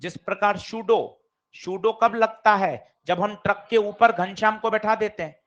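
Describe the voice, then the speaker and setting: A man teaching a physics class, lively and quizzing his students directly. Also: high-pitched, moderate pace. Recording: dull lo-fi classroom recording.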